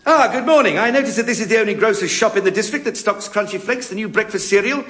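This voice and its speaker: A comic actor playing a blustering, pompous know-all who grumbles and talks sarcastically, in a 1950s radio comedy. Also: male voice, high-pitched, fast talker, sharp tone. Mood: grumbling. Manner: grumbling, sarcastic, easily carried away. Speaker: lead comedian. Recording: roomy old radio broadcast with music.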